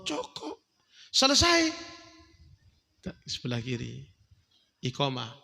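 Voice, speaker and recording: A male preacher, giving a lively, joking sermon at a family celebration and sometimes chanting. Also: mid-range voice, slow pace, gravelly. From Indonesia. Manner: animated, humorous, addresses the audience as "Pak", chants the call to prayer. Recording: echoey hall.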